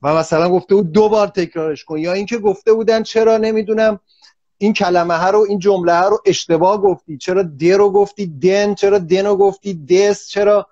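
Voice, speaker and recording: A man's voice: sits high, steady tone, a little mellow, no echo. A man hosting an interview who asks long, rambling questions in a casual way. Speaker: interview host. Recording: dull lo-fi dry sound.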